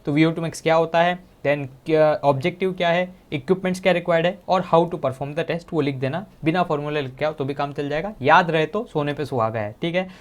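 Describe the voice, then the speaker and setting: A male teacher with a slightly high voice explains exam answers step by step. He talks casually and directly to his students, often calling them "bhai sahab". His is full of English technical terms. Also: fairly quick, hardly any pauses. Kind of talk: exam-prep lesson.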